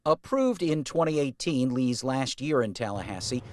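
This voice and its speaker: A man's voice: medium pitch, lively intonation, moderate pace, a little hiss or hum. A man reading scripted news narration as a TV reporter.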